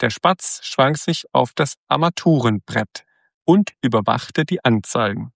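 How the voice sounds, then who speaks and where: Slow, gravelly male storyteller. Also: medium pitch, lively intonation, no echo, studio quality. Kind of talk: storybook narration.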